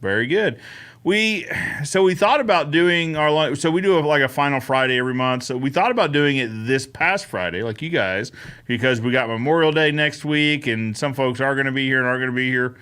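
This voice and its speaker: A man's voice: medium pitch, brisk, sharp tone, smooth. A man hosting a casual live-stream Q&A, upbeat and chatty, greeting viewers by name between answers. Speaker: host of a live Q&A show.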